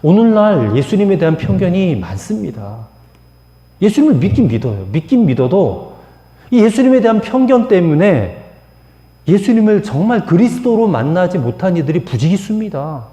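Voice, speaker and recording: A man's voice: high voice, sing-song, normal speed, warm tone. A male pastor preaching a sermon to his congregation and asking them rhetorical questions. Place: church sanctuary. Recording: echoey church hall with long reverb.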